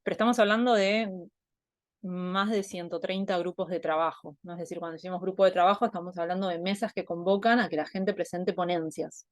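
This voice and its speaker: A woman with a lowish voice and an Argentine Spanish accent gives an online talk as an anthropologist over a video call. She thinks aloud, with many fillers and restarts. The sound is dry and close, with no room around it. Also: steady tone, brisk, no echo. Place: home, Buenos Aires.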